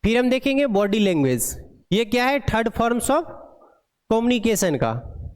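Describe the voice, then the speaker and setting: A man teaching pharmacy, reading lines slowly and explaining them in Hindi, often asking the class questions. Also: very high voice, big pitch swings, clear, resonant tone. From India. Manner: asks the class rhetorical questions. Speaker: pharmacy lecturer. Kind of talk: classroom lecture.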